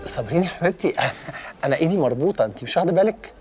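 An older man with an Egyptian Arabic accent playing an injured journalist who talks fast and flustered while dodging his own wedding. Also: a little high, animated, music in the background, natural voice. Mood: arguing.

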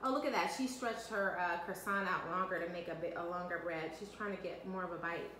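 A woman's voice: on the low side, fairly quick, bright, forceful tone. A woman in her thirties leading a home cooking demo with her kids, upbeat and coaching them step by step, recorded in an echoey kitchen with faint background noise. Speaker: mother leading a kids' cooking segment. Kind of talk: home cooking demonstration with children. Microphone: camera mic from a few feet away.

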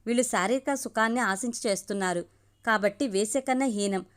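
A woman voicing an indignant young working woman who speaks in sharp, questioning tones. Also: fairly high pitch, a little fast, close to an everyday voice.

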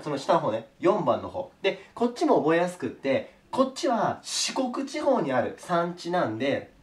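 Hoarse Japanese man teaching geography. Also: high voice. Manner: polite, explains slowly with checks like "ne". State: hoarse from a sore throat. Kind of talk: video lesson on geography.

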